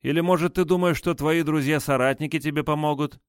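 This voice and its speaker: A man's voice: on the high side, fairly even intonation, a little fast, clean tone, no room sound, pitched above the performer's own voice, natural voice. A sarcastic wartime interrogator taunts his prisoner in a lifted, needling voice, as a male narrator puts him on. The delivery is mocking, and the recording sounds dry.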